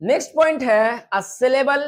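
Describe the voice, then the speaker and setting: A woman teaching a lesson, reading English definitions slowly and then explaining them quickly in Hindi. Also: high voice, lively intonation.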